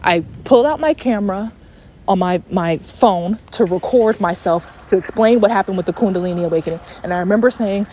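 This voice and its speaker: A woman's voice: medium pitch, fairly quick, warm tone. A woman podcast host telling a personal story in a casual monologue, outdoors in the wind, candid and swearing freely. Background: wind noise.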